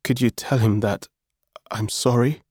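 A man's voice: medium pitch, fairly even intonation, unhurried, darkish tone, husky, dry recording, clean studio sound. A man voicing a guilty, crying teenage boy in an audiobook, pleading in broken-up phrases. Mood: tearful.

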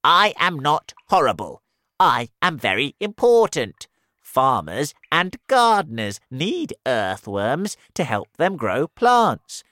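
A man's voice: on the high side, very animated, takes it slowly, bright, forceful tone, no echo, studio quality, voice pushed up, heavily acted. A man doing a whiny, indignant earthworm. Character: indignant, complaining male earthworm.

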